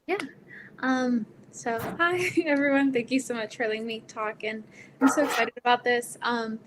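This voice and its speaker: A woman gives a casual online presentation on Spanish pronunciation, teaching the basics in a chatty way full of ums, likes and laughs. Her voice is on the high side at normal speed, over a noisy background.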